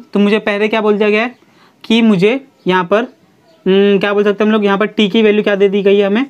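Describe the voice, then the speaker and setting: A young woman teaching a physics exam-prep lesson online. She talks briskly, keeps asking if there is any problem, urges students to hurry, and slows down when she dictates formulas. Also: mid-range voice, darkish tone.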